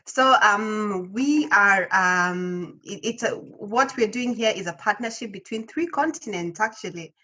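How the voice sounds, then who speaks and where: A woman's voice: mid-range voice, a little slow, few pauses, bright, forceful tone, breathy edge, muffled recording. A woman from Kenya, talking chattily as a guest missionary, with frequent hesitations. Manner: chatty, hesitant with many ums. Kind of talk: casual interview chat.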